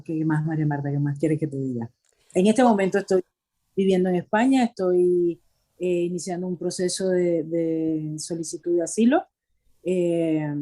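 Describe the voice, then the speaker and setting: Low, mellow-voiced Venezuelan-born woman. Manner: hesitant, searching for words with many fillers. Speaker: interviewee. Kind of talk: personal testimony in an interview.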